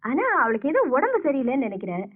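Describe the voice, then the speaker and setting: A calm, persuasive young woman. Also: high-pitched, fast. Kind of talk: film melodrama acting. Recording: tinny lo-fi old film soundtrack.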